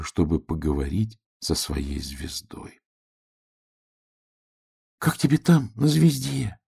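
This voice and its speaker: A man reading a children's tale aloud, soft and expressive. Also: deep voice, vocal fry, slightly rough. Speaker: narrator. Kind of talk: storybook reading.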